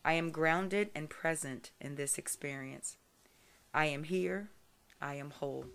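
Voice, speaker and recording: A woman putting on a calm, slow meditation app narrator voice to read an affirmation. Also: creaky, slight background noise, full character voice. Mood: soothing. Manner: slow soothing low reading voice.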